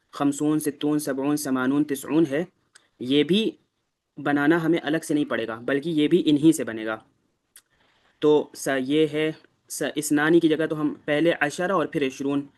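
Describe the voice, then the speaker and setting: Guy teaching a class, kinda high voice, patient, goes step by step. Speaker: Arabic teacher. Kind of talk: classroom lesson.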